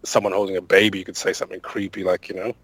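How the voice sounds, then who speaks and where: Male guest, low relaxed voice, dry close sound, chuckles while talking. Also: racing, slightly rough, no echo, rough recording. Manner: easygoing, chuckles mid-sentence. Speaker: podcast guest. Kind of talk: casual interview chat.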